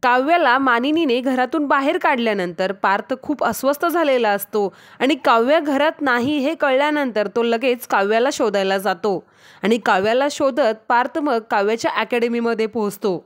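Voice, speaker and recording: A woman's voice: a little high, moderate pace. A woman narrating an episode recap of a TV serial in plain storytelling. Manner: plain storytelling with repeated linking phrases.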